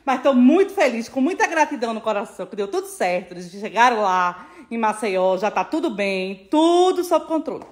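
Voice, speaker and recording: Chatty woman, high lively voice. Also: normal speed, few pauses. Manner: chatty, affectionate, repeats phrases, teasing laughter. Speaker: social media influencer. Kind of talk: casual selfie vlog to followers.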